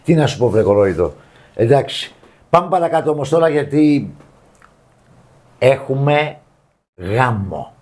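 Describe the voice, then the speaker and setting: A man co-hosting a celebrity gossip show in loose, casual chat. He sounds scornful and teasing as he mocks the stars he talks about. His voice sits at an ordinary middle pitch for a man. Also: pauses often. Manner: scornful, mocking, animated opinions. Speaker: showbiz show co-host.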